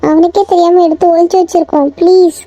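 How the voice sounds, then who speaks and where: A woman's voice: extremely high pitch, level tone, quick pace, dark tone, no echo, highs cut off. A woman voicing anxious young women in a homemade cartoon, pleading and worried. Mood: frightened pleading. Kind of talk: amateur cartoon voice acting.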